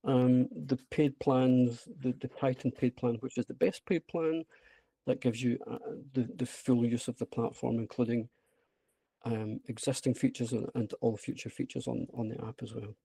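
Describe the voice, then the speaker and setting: A man's voice: medium pitch, steady tone, moderate pace, vocal fry, mellow, husky, no echo. A man with a broad Scottish accent giving an informal online presentation, hesitant and self-deprecating but enthusiastic. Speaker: presenter, app creator. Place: remote online video call with screen share.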